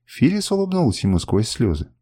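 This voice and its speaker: A man reading a novel aloud as an audiobook narrator, expressive and dramatic. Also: medium pitch, fairly quick, breathy edge, no room sound, studio quality. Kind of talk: scripted narration.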